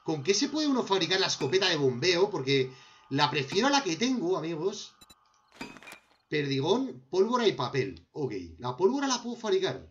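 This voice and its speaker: Crafting his way through a survival game, a young Spaniard with a Spanish accent commentates casually, muttering to himself and addressing viewers as friends. He has a high voice with big pitch swings at a normal speed. The audio sounds dull, with slight background noise.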